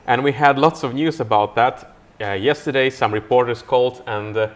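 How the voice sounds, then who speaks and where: A podcast host interviews a guest live outdoors by a river, friendly and enthusiastic with frequent fillers. His voice is mid-range at a normal speed.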